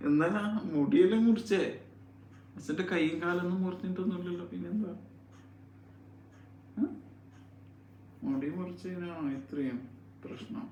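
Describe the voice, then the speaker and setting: A father talking softly with his young child at home, coaxing and soothing with repeated gentle questions. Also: high voice, moderate pace, long pauses, slight background noise. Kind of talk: casual home video chat with his child. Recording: roomy echo.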